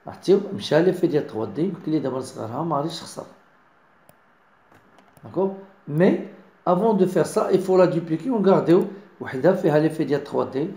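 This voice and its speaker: A man with a Moroccan accent giving a software design tutorial, mixing in French words and often checking that viewers follow. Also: fairly high pitch, animated, very fast, pauses often, echoey room. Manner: mixes French into explanations, keeps checking understanding. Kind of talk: screen-recorded software tutorial.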